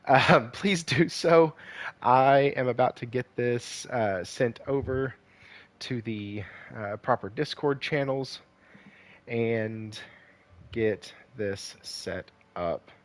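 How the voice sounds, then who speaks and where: On his casual gaming stream, the man speaks at a slow pace in a medium-pitched voice, hoarse and fading. He meanders with many fillers and greets his viewers by name.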